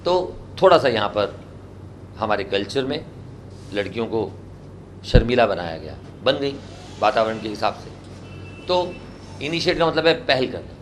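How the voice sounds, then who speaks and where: A man's voice: on the low side, very animated, a little slow, long pauses, a little hiss or hum. A man from India teaching a spoken English class, quizzing students and drilling repetition. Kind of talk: classroom language lesson.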